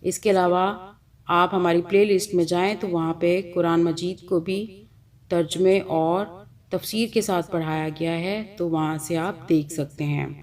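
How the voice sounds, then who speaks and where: A woman's voice: on the low side, steady tone, moderate pace, a little mellow. A woman with a Pakistani Urdu accent teaching Quran reading online, patiently repeating each sound.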